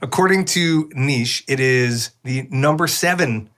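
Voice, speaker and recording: A mid-pitched man hosting a podcast, quizzing his guest with stats in a playful, casual manner. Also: measured pace, a bit bright. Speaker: podcast host. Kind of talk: casual chat.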